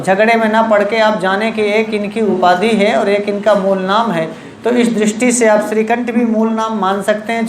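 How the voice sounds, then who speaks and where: A woman lecturing as a literature teacher, at an even, medium pitch. She works through each point slowly, repeating the key terms and posing rhetorical questions to her students. The recording is roomy and echoey, with faint ambient noise underneath. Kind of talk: explanatory lecture.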